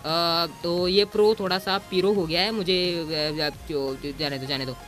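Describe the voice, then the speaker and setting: Gamer guy, casual commentary, bossy and teasing, pitched high, faint music under him. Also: fairly even intonation, unhurried, fairly bright tone. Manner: bossy and teasing, mixes in English exclamations. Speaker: gaming YouTuber.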